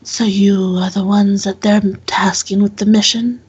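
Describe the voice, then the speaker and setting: A woman's voice: medium pitch, little pitch movement, measured pace, a little mellow, husky, highs cut off. A woman voicing a dire, suspicious female temple warrior who questions curtly, sometimes half in a whisper.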